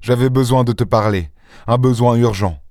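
A man reading an audiobook, voicing a playful, mocking gentleman thief who speaks with mock affection. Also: medium pitch, normal speed, dry recording, clean studio sound, close to an everyday voice. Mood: teasing. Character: charming teasing gentleman thief, young man. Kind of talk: audiobook character voice.

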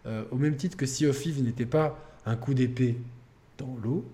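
A man's voice: medium pitch, moderate pace, mellow. A man hosting a casual gaming podcast chat, joking and laughing often. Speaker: podcast host.

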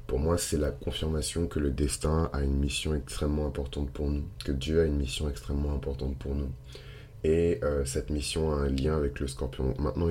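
Super low raspy guy with vocal fry, mellow, hesitant casual podcast rambling, bit slangy. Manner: hesitant, slangy, with English phrases thrown in. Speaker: host of an astrology podcast. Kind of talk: casual unscripted monologue.

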